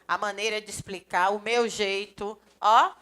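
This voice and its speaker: A grammar teacher, giving a lively classroom lecture. She chats with students and acts out little dialogues. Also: mid-range voice, a little slow. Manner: lively, chatty, acts out little dialogues, often points things out with "ó". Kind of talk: live classroom lecture for a civil service exam course.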